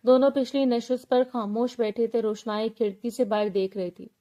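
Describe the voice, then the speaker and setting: A woman's voice: fairly high pitch, fairly even intonation, warm tone, lo-fi sound. A woman narrating a love story, reading steadily. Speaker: novel narrator.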